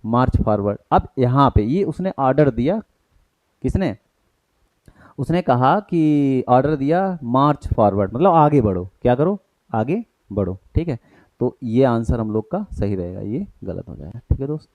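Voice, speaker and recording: A man's voice: mid-range voice, lively intonation, measured pace, no echo, muffled recording. A man with an Indian accent teaching an exam-prep grammar lesson, explaining in Hindi with English terms and asking and answering his own questions.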